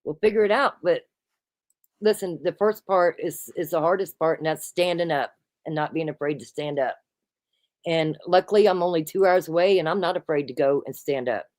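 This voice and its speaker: Hosting a relaxed conversation, this woman speaks loudly and emphatically in a low-pitched voice at a normal speed. "Absolutely" and "listen" come up again and again.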